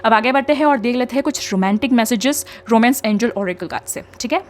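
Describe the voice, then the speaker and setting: A woman's voice: on the high side, fast talker, slight background noise. A young woman, giving chatty spiritual guidance as a tarot reader and often checking in with her listeners. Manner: chatty, mixes English into talk, frequent tag questions.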